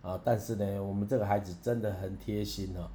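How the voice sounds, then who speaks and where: A man, a minister speaking in a slow prayerful, sermon-like way with soft drawn-out particles. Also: on the low side, steady tone. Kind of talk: prayerful talk. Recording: roomy with faint hum.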